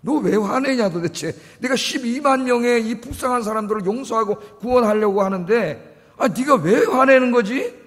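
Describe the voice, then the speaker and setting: A man voicing God as calm and gentle, slowly questioning an angry prophet. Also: extremely high pitch, in a large hall, voice pushed up. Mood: gently probing. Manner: slow, calm, probing.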